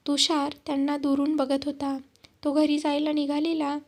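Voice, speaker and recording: A woman narrating a love story in an even, measured reading. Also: sits high.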